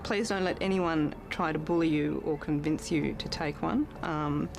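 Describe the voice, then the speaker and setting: A woman with a creaky voice, speaking firmly and insistently as a campaigner in an interview. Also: deep voice, moderate pace. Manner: firm, insistent. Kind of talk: interview talk. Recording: loud music under the voice.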